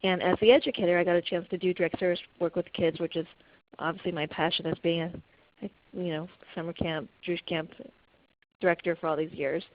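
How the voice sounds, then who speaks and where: A woman's voice: lowish voice, steady tone, brisk. Earnest woman camp director on a call. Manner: earnest, storytelling with many restarts. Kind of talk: webinar talk. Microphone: conference call. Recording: muffled conference call audio.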